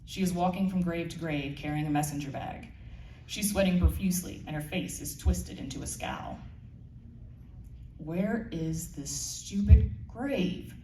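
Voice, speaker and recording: A woman with a low, warm voice gives a brisk, live scripted narration of her own audio drama. She's heard away from the mic in a roomy, echoey space with faint noise.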